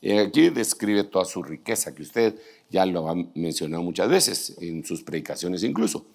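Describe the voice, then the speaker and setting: A man's voice: deep voice, big pitch swings, normal speed, creaky, a little mellow. A man, teaching pastors in a conversational sermon, reading scripture aloud and adding joking asides.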